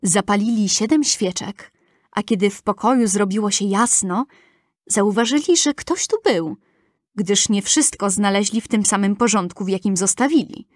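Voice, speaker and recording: A woman narrating a fairy tale for children in a gentle, measured, expressive reading. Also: medium pitch, no room sound, studio quality. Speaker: storyteller.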